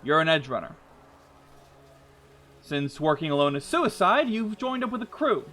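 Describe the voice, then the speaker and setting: Male game master with a slightly high voice reading dramatic scene-setting narration. The mic crackles, cuts out and sounds robotic. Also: big pitch swings, pushed and bright. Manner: dramatic, measured read-aloud delivery. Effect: choppy, robotic mic audio that keeps cutting out. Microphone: desk mic on an online voice call.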